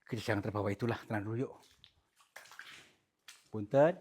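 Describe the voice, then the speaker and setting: A man leading a paranormal investigation, talking in a hushed, polite, pleading way, often whispering. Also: fairly low pitch, normal speed, slight background noise. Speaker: ghost-hunting vlogger.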